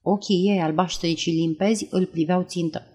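A woman narrating an audiobook in an even, low-key reading voice. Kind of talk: scripted narration.

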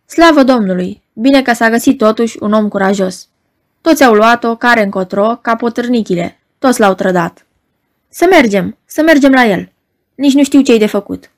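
A woman's voice: a little high, lightly acted. A woman voicing a young secretary who is sobbing, frantic and slightly nasal from crying.

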